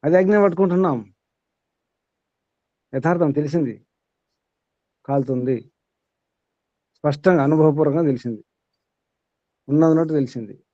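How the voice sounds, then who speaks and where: A man's voice: on the high side, moderate pace, long pauses, mellow, dry recording, lo-fi sound. A man teaching a small group as their spiritual guide, asking rhetorical questions and repeating his points.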